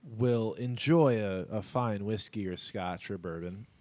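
A man's voice: on the low side, a little slow, darkish tone. A man in casual podcast chat, laid-back and dry, often laughing along.

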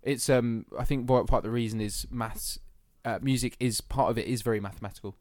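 A man's voice: medium pitch, fairly even intonation, brisk, darkish tone, no echo. A young man from England, chatting casually on a podcast, laughing easily and using plenty of fillers. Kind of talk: casual chat.

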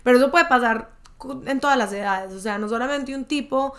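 Female co-host, casual chat, reassuring and sympathetic, higher pitch. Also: a little fast.

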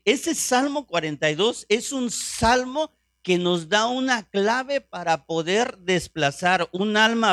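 Middle-aged guy preaching, fervent, goes hushed then loud, high tense voice. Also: dry recording, studio quality. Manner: impassioned, rising to fervent peaks; drops to hushed prayer voice when quoting. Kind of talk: sermon.

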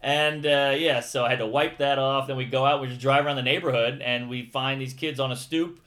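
Bright voiced guy telling a story casually, acts out all the voices. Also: medium pitch, fairly even intonation, brisk. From New Orleans. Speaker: guest.

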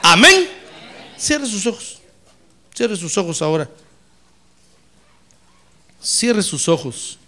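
A man preaching a lively sermon as a pastor, acting out church members in comic voices. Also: high voice, slow pace, long pauses, some chatter behind.

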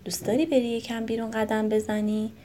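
Woman doing a gentle, kind mother. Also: on the high side, little pitch movement, a little hiss or hum, voice pushed up, close to an everyday voice. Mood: tender. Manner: soft, tender.

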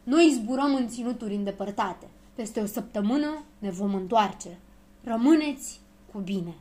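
A woman's voice: fairly high pitch, dark tone, close to an everyday voice. Brief: a pompous storybook dwarf leader making speeches, read by a woman. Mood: commanding. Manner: commanding, speechmaking. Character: bossy know-it-all dwarf leader, male.

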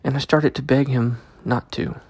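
A man narrating a scripted first-person story as a host, with a gravelly, creaky voice, close to the microphone. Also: medium pitch, steady tone, normal speed, a little mellow, no room sound. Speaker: host and story reader of a podcast.

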